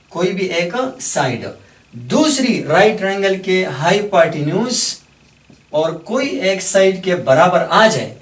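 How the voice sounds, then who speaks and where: Man teaching math from across an echoey room. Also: high voice. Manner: explains step by step, repeats questions and answers them himself. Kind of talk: classroom lecture. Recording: echoey room, mic far off.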